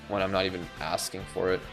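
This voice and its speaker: A young man giving let's play commentary on a football video game, swinging between excited shouts and low muttering, with faint music behind. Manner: animated, yelling at players, swings from excited to muttering. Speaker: gaming YouTuber.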